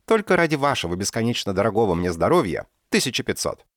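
A man's voice: lowish voice, sing-song, quick pace, no room sound, clean studio sound, voice pushed up. A man voicing a brash, grumbling young woman hunter who haggles mockingly, in an audiobook. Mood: mocking haggling. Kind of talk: audiobook character voice.

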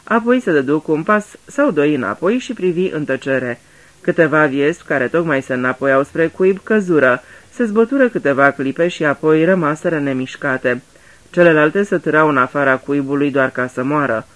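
A man narrating a mystery in a radio drama reading, measured and even. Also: fairly high pitch.

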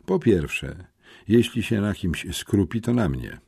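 A man voicing a confident teenage boy detective who calmly reasons things out in a storybook. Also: fairly low pitch, slow pace, gravelly, breathy edge, exaggerated voice. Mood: reasoning. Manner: calm, deductive, reassuring.

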